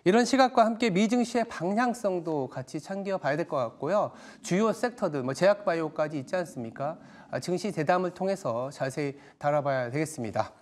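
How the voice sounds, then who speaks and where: A man hosting a TV stock market segment, explaining market moves in a measured way with small fillers. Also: on the high side, lively intonation. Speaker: TV stock market show host. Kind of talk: broadcast market commentary and interview.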